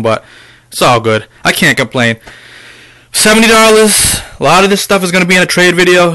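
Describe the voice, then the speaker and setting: In a casual ranting vlog, a game collector recounts his haul to viewers in a profane, meandering way, with plenty of fillers and direct address. He has a medium-pitched voice with a sharp, clean tone.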